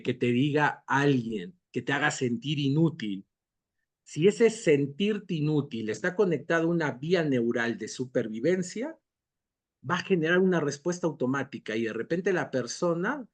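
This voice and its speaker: A male doctor answering interview questions at a slow, unhurried pace, calm and lecturing. His voice sits fairly high for a man, and he slips into little acted dialogues to illustrate his points. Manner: calm, lecturing, acts out dialogue when giving examples. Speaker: doctor, guest expert.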